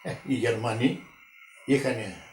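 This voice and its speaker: A man's voice: mid-range voice, lively intonation. Elderly village man, echoey room. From Greece. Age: 90s. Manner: halting, repetitive storytelling. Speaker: witness interviewee. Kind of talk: oral history interview. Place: village home indoors. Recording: echoey room with faint noise.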